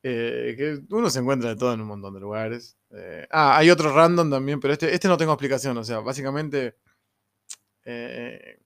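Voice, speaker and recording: A man's voice: mid-range voice, normal speed, creaky, smooth. Laughing Argentine man telling anecdotes. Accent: Rioplatense Spanish. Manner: laughing, slangy, animated retelling with quoted voices. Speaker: storyteller.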